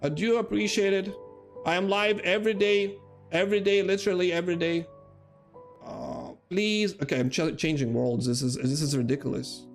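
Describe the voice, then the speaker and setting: This high-sitting male voice keeps a steady tone at a moderate pace, with soft music in the background. He is a streamer from Lithuania with a Lithuanian accent, chatting and rambling to his viewers as he plays and making self-deprecating jokes in casual live-stream commentary.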